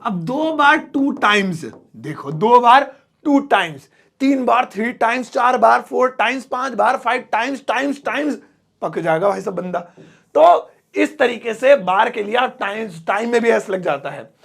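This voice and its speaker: A man's voice: extremely high pitch, lively intonation, unhurried, vocal fry, a bit bright. A man teaching an English lesson at a whiteboard, explaining words playfully, with jokes and mock exclamations.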